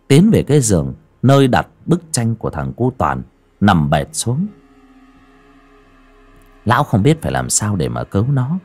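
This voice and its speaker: A man narrating a horror audiobook in a dramatic, expressive way. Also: fairly low pitch, slightly rough. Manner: expressive, rising and falling with the drama.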